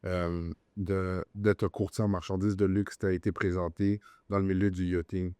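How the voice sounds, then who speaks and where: A man with a Québécois accent hosts a podcast and asks easygoing, loosely phrased questions. His voice is low and warm. It is recorded close and dry. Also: level tone, normal speed, clean tone, dry recording. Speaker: podcast host. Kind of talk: interview questions.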